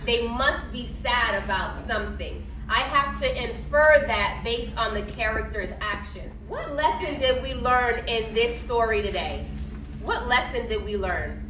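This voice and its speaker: An elementary school teacher leads a read-aloud discussion with young pupils, posing questions and explaining in an encouraging, instructive way. She speaks unhurriedly in a voice on the high side. The indoor classroom sounds echoey and noisy, recorded from a distance.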